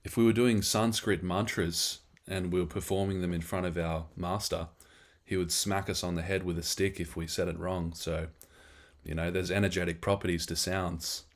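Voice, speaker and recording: Brief: relaxed Aussie podcast host, very deep voice, casual and wry. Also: male voice, normal speed. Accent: Australian. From Australia. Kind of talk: casual conversation.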